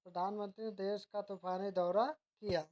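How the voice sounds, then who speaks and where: A woman teaching, reading out pairs of wrong and corrected grammar sentences in a steady, measured recitation, with occasional self-corrections mid-word. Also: medium pitch, muffled recording.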